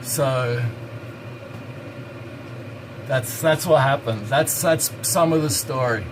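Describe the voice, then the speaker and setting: Slow-talking man chatting over a stove. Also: mid-range voice, background noise. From Hong Kong, raised in Australia. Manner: rambling, chatty, answers viewer questions. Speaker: live streamer. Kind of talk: casual chat while cooking. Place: home kitchen by a hot stove.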